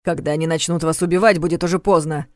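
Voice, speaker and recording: A woman voicing an excitable young man who turns urgent in danger, in an audiobook. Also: sits low, fast, dry recording, clean studio sound, natural voice. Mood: steadying.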